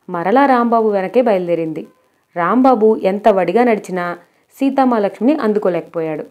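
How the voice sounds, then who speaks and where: A woman reads a story aloud as an audiobook, telling it with lively storytelling energy. Her voice sits at a middling pitch for a woman. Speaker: narrator.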